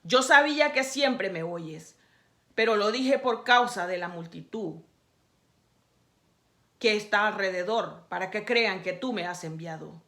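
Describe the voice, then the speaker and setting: A woman preacher delivering a sermon. She speaks straight to the listener, exhorting and scolding. She swings from quiet, low stretches to loud, raised passages. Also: a little slow. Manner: emphatic, exhorting the listener directly.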